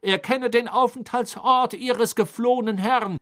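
A stern, hate-filled judge barks his charges loud and clear, as a reader puts him on. His voice is pushed up and forceful, well above the calm narration. This is a dramatic audiobook reading. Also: medium pitch, unhurried, voice pushed up, natural voice. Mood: stern, furious.

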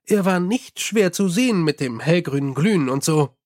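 A dutiful young police captain, read by a male narrator reports politely and efficiently. His voice sits a little high and stays earnest throughout. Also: animated, normal speed, a little mellow, natural voice.

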